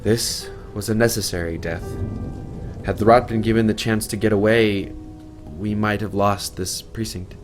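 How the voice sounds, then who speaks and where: A man voicing a stern, weary woman army captain who gives calm, clipped orders. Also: lowish voice, normal speed, soft background music, natural voice. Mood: grim.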